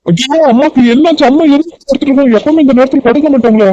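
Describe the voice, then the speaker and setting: Cartoon kid put on by a man, high pitched and fast, anxious and pleading, dull dry sound. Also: dark tone, natural voice. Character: young village child worried about his mother.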